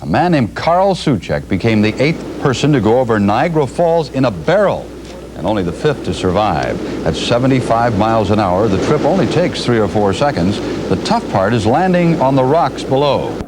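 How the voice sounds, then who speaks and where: On a noisy eighties TV broadcast tape, an American anchor delivers the scripted evening news. His medium-pitched voice is very animated, moving at a normal speed.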